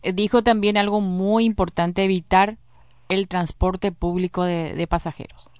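A woman's voice: mid-range voice, fairly even intonation, normal speed, darkish tone, clean tone, no room sound. A woman interviewer asking questions hesitantly, often repeating words and murmuring agreement. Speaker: interviewer, radio host. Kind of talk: radio interview.

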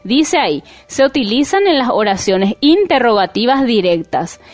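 A woman teaching a language lesson, explaining slowly and clearly, with faint music behind her. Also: on the high side, sing-song, darkish tone. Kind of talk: classroom lesson.

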